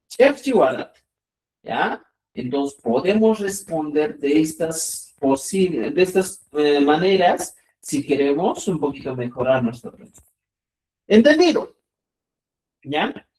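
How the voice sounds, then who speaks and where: A man teaching a live online language lesson who keeps checking that students follow and slows down to stress key words. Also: sits high, mellow. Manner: repeats checks like "¿ya?" and "ojo". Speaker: Quechua teacher. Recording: roomy, distant sound.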